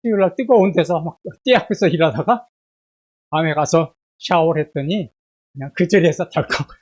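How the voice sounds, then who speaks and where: A man preaching a Sunday sermon in a church while suffering from a bad cold with fever. He asks his listeners one rhetorical question after another, rising loud and dropping to a hush. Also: fairly high pitch, brisk, slightly rough. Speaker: pastor. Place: church sanctuary.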